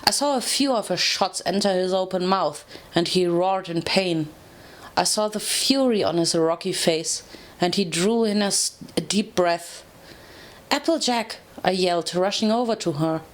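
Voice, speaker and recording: A woman reading a first-person fan story aloud, steady and narrative, with occasional self-corrections. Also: on the low side, moderate pace. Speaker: fanfiction reader.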